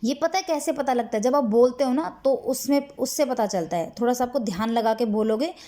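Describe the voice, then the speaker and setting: Woman teacher, mellow voice. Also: on the high side, brisk. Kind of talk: exam-prep lecture, reading English lines slowly then explaining in Hindi.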